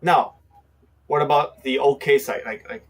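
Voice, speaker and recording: A man's voice: mid-range voice, steady tone, normal speed, recorded from a distance. A man hosting a casual lesson on a Japanese phrase, talking with many fillers and acting out example lines. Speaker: host teaching Japanese phrases.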